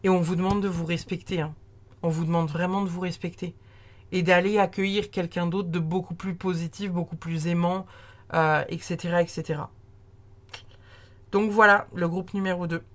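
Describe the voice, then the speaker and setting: A woman's voice: on the low side, steady tone, normal speed. Chatty French-speaking woman reading tarot. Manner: chatty, many fillers and restarts. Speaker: tarot card reader. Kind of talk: casual spoken tarot reading.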